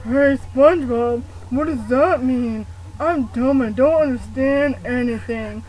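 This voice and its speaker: A woman's voice: sits high, measured pace, darkish tone. A woman voicing a dim-witted, sulky male cartoon starfish in an improvised amateur puppet show, speaking bluntly. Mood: clueless. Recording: faintly noisy amateur home video.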